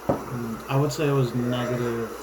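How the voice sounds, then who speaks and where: A man's voice: medium pitch, steady tone, moderate pace, noisy background. A man chatting informally as a co-commentator, raising questions and swearing now and then. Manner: informal, profane. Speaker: co-commentator who filmed the video. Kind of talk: casual chat, questioning. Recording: echoey room.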